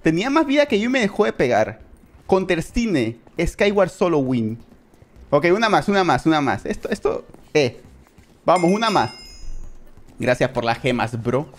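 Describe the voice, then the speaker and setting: A gaming creator giving excited, profane live commentary, yelping and laughing while talking to viewers as friends. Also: mid-range voice, normal speed, soft background music. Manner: excitable, swears, yelps and laughs at the action.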